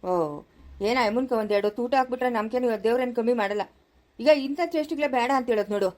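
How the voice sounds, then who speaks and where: A woman's voice: on the high side, very fast, natural voice. A woman voicing a stern older village woman in a family skit, with a rural Chikkaballapura Kannada accent, scolding and pleading. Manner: scolding, pleading, rising to sharp questions.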